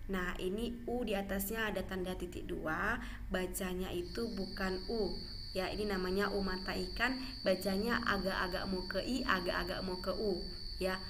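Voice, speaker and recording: A woman's voice: medium pitch, a bit bright, a little hiss or hum. Woman teaching Mandarin sounds. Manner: slow, drawn-out model syllables with frequent "ya" check-ins. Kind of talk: classroom-style pronunciation lesson.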